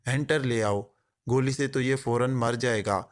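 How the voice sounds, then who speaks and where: A man's voice: medium pitch, fairly even intonation, lightly acted. A man voicing an arrogant, short male gang boss who talks in a harsh, sarcastic way. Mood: sneering.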